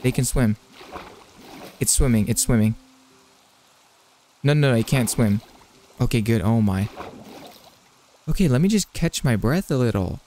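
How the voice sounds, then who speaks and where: A young man giving excitable, jumpy commentary while playing a video game and talking to his chat. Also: medium pitch, unhurried, pauses often, a little hiss or hum. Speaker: gaming streamer. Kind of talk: live gameplay commentary.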